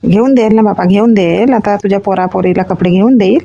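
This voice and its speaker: A woman acting as a mother in a comedy sketch, gently scolding and reasoning. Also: medium pitch, a little fast, muffled recording, slight background noise. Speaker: comic actor playing a mother.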